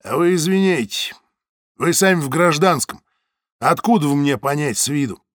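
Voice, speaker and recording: A man reading an audiobook, voicing a coarse male secret-police guard who is loud, bossy and scornful. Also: on the high side, lively intonation, moderate pace, dry recording, clean studio sound. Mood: wary.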